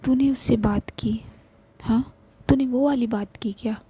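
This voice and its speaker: A woman with a cold voicing a caring young woman who comforts a crying friend, soothing and pleading in a breathy half-whisper. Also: fairly high pitch, a little slow. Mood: pressing. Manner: soothing, then pleading and excitable. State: has a cold and flu.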